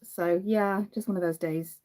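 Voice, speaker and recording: On a livestream, a young woman from Dublin, Ireland chats casually as she applies her makeup, greeting viewers by name and filling pauses with plenty of ums. Her voice is mellow and fairly low-pitched, with fairly even intonation.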